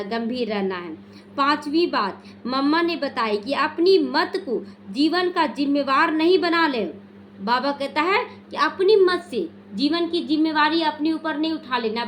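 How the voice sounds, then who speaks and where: A woman giving a devotional teaching talk, explaining point by point with an earnest, gently exhorting manner and quizzing her listeners. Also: high-pitched, a little hiss or hum. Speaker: spiritual teacher.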